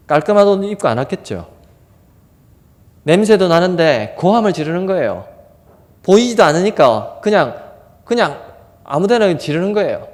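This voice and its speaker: Animated high-voiced male preacher in a hall. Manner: animated, acts out crowd voices. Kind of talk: revival sermon. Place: church sanctuary. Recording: long hall reverb.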